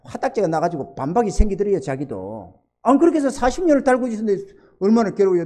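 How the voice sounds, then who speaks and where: A man's voice: high-pitched, mellow. A male pastor preaching a sermon, telling a story and acting out the prayers he quotes, and calling on the congregation for amens.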